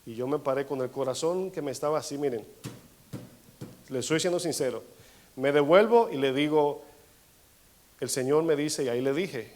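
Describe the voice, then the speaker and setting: A man preaching to his congregation as their pastor, voice sitting a touch high for a man. He tells his story with acted-out dialogue, calls the listeners brothers, and swings between quiet asides and raised, urgent bursts. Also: normal speed, long pauses. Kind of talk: sermon.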